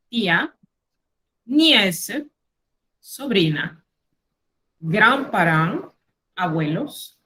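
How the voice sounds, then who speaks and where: This French teacher, a middle-aged woman whose accent is Panamanian Spanish, speaks at a medium pitch with a sharp edge. She is running an online class and walking students carefully through word lists.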